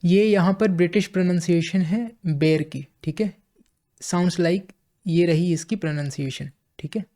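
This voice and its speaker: Speaking in a high-pitched yet dark-toned voice, an Indian-accented man runs a classroom-style English vocabulary lesson, going slowly, repeating phrases and checking on his listeners.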